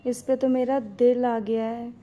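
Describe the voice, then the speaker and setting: Woman doing a shy new bride in a family skit, high soft voice, roomy echo. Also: little pitch movement, unhurried, highs cut off, a little hiss or hum, close to an everyday voice. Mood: pleased. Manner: soft, yielding, speaks respectfully. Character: young newlywed bride, meek and polite. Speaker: daughter-in-law.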